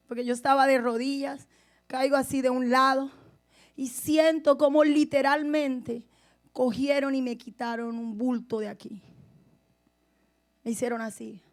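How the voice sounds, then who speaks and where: A woman pastor giving her testimony in a sermon, speaking to her listeners directly and swinging between hushed and forceful delivery. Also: high voice.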